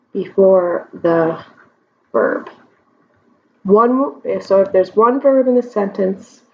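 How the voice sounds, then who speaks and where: A woman's voice: medium pitch, a little hiss or hum. A woman teaching a Spanish grammar lesson, explaining step by step and checking in with her students. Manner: slow, deliberate explanations with frequent check-ins. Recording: dull lo-fi recording.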